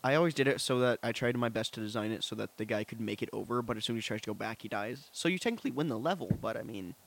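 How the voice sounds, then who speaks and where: A young man talks games with friends in a loose, jokey way. His voice sits at an ordinary middle pitch, and he moves quickly from one thought to the next. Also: gravelly. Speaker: podcast co-host. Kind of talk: casual chat about video games.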